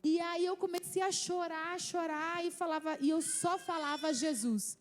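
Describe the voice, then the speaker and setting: Woman, 30s, Carioca accent, high voice, church youth service speaker, earnest testimony. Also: steady tone, moderate pace. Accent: Carioca Brazilian Portuguese. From Rio de Janeiro, Brazil. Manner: earnest storytelling, many restarts and "né?" asides.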